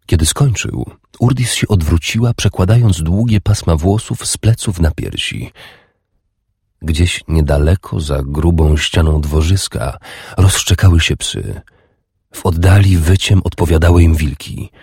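A man reading a historical romance audiobook in a slow, measured and sensual way. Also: low-pitched, a little mellow, slightly rough, no echo, clean studio sound. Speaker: audiobook narrator. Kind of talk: scripted narration.

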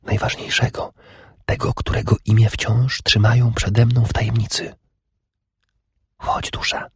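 A man's voice: on the low side, level tone, normal speed, breathy edge, dry recording, pitched above the performer's own voice. A man voicing a sly whispering young princess. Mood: hushed, scheming. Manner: hushed, often whispering. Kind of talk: audiobook character voice.

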